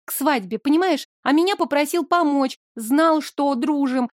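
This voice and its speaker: A woman's voice: sits high, moderate pace, no room sound, clean studio sound, pitched above the performer's own voice, natural voice. A woman voicing a timid, tearful young woman who pleads in a flustered way. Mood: pleading. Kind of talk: audiobook dialogue.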